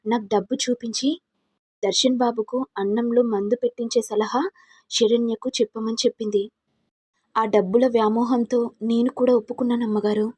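A frightened household maid who begs and confesses, as a woman voices her in a serial recap. The voice is husky and a little high. It sounds dry and close. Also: flat delivery, normal speed, darkish tone, dry recording. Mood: pleading. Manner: pleading, apologetic.

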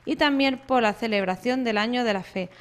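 A woman's voice: on the high side, a little fast. A woman with an accent from Spain narrating a scripted news report as a reporter.

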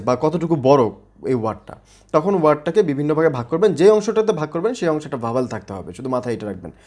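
A man gives a spelling lesson in a quick, slightly raised voice. He builds each point in small steps and spells words out letter by letter. He keeps checking that his viewers follow along. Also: fairly high pitch, a little mellow. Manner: explains step by step with many checks like "okay?". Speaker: English teacher.

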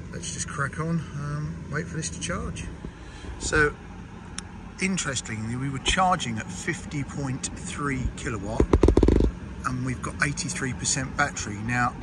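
Chatty man vlogging from a car. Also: medium pitch. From England. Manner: chatty, rambling with many ums and restarts. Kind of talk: casual vlog commentary. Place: inside a small car, then outdoors by a charger. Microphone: action camera mounted in the car. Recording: distant camera mic with loud road noise.

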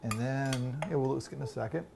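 There's background noise as a middle-aged chef walks kids through a recipe in a home kitchen, teaching them patiently. His mid-range voice is creaky and fairly quick.

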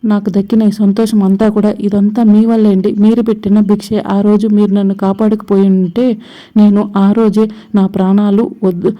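A woman's voice: mid-range voice, level tone, normal speed, highs cut off, natural voice. A woman voicing an earnest young woman in a TV serial retelling. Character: young woman confessing love joyfully.

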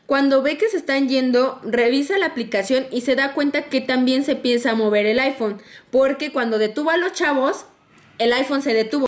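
A young Mexican woman vlogger tells a story to the camera in a casual chat. Her voice sits high. She acts out what the people in the story said.

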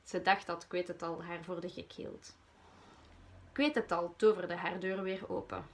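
A woman's voice: fairly low pitch, fairly even intonation, moderate pace. A Flemish woman teacher reading a storybook aloud to children.

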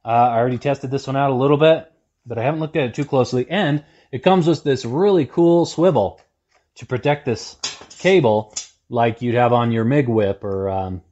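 The recording is lo-fi, capturing a mid-range, darkish voice belonging to a welding video host in his thirties. Standing in an indoor workshop backed by corrugated metal, he runs a casual repair how-to, speaking plainly and poking fun at himself.

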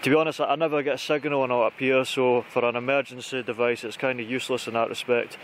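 Here a British man in his thirties, an outdoor vlogger, gives a relaxed gear rundown to camera among conifers. He speaks fast and flatly at a medium pitch, and the outdoor recording carries noticeable background noise.

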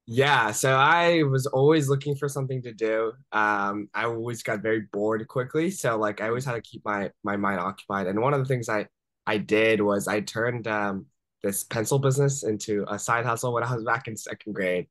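Chatting from a home room on a video call, this startup founder in his twenties, Japan-born and raised around Washington DC, shares stories in a casual interview. He speaks at normal speed in a fairly low, slightly bright voice on a dry recording, laughing easily and scattering fillers such as "uh" and "like."

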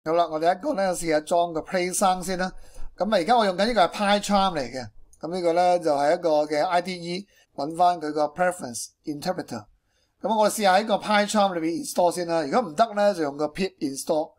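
High-pitched man with Hong Kong accent. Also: quick pace. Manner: peppers speech with English technical terms. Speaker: programming tutorial presenter. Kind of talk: informal screencast tutorial explanation.

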